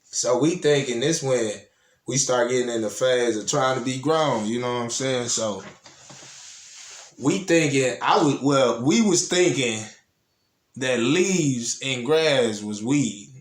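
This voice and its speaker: A man's voice: mid-range voice, slow. Laid-back man telling stories in a roomy space. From Toledo, Ohio, US. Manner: rambling and laid-back, often adds "you know what I'm saying". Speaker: host. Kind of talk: casual personal storytelling. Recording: roomy echo.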